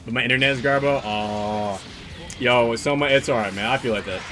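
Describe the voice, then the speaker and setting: A man's voice: mid-range voice, brisk, over music. A man giving loose, rambling commentary on a gaming stream, swearing freely as he organizes a tournament.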